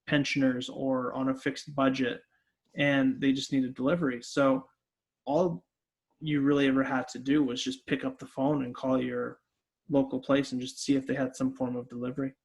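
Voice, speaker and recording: A man co-hosting a podcast, explaining things and giving announcements in a steady, plain way. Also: mid-range voice, moderate pace, breathy edge. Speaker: podcast co-host. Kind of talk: casual chat.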